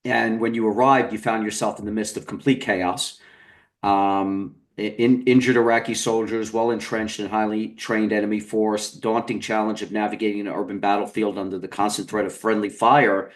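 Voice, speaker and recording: A man hosting a podcast, framing long interview questions in a measured, thoughtful way and often restarting his sentences. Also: on the low side, little pitch movement.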